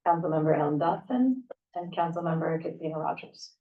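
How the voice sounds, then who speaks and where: A woman on a council reading out a roll call in a flat, listing way. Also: low-pitched, fairly quick. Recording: distant, thin phone-like sound.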